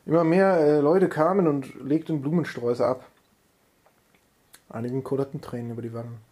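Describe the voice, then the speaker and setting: A man's voice: medium pitch, fairly even intonation, fairly quick, a little mellow. A man narrating an improvised audio story in a playful way, slipping over words and correcting himself.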